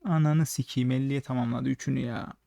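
A man giving casual, frustrated slot commentary, swearing constantly and talking at the machine, slightly hoarse late at night. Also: mid-range voice, steady tone, fairly quick, warm tone, dry recording. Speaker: slot streamer.

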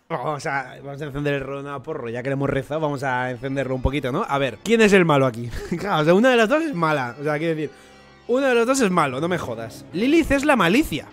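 A young man with a Spain Spanish accent reading a manga chapter aloud and reacting to it, excitable, swearing freely and bursting into shouts. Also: high-pitched. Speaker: anime reaction host. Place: home, floor above construction work.

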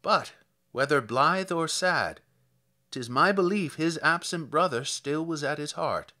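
A man reads dramatic poetry as a kindly old village priest remembering the dead, in a measured, solemn, sorrowful manner. His voice is fairly high with a sharp tone.

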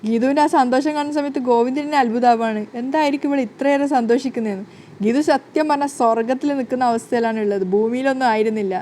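A woman's voice: high-pitched, steady tone, quick pace, dark tone, slight background noise. A woman casually retelling a TV serial episode in a chatty style, stringing scenes together with fillers. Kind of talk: casual story recap.

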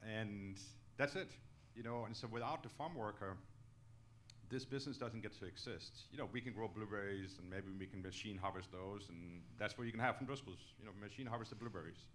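On an auditorium stage, a company executive from Denmark, middle-aged and a native Danish speaker, gives earnest answers in an interview, holding a handheld microphone. He talks fairly quickly in a lowish, fairly bright voice, emphatic throughout and often ending with "okay?". Slight background noise can be heard.

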